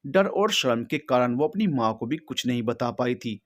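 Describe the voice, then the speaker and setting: Male narrator, solemn and steady, reads a sad family story. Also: mid-range voice, moderate pace.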